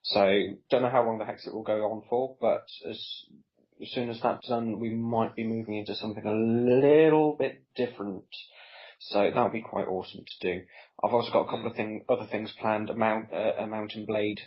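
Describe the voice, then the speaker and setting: Low-voiced easygoing man on a podcast. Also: steady tone, a little fast. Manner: easygoing, rambling plans. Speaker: podcast co-host. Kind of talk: casual chat. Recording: dull lo-fi voice recording.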